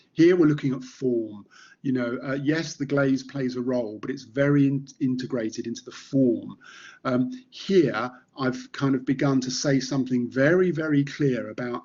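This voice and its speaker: A man's voice: mid-range voice, darkish tone, dull audio. Hesitant middle-aged man with light Estuary accent. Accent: light Estuary English. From Maidstone, Kent, England. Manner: hesitant, halting, reflective. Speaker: ceramicist giving an artist talk. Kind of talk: informal slide presentation.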